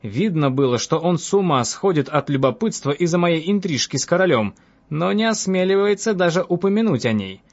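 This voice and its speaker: A man's voice: fairly high pitch, animated, brisk, pitched above the performer's own voice. A man voicing a cunning, bold young woman who tells her escapade with mocking self-assurance. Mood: amused scheming. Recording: dull lo-fi audiobook with faint music.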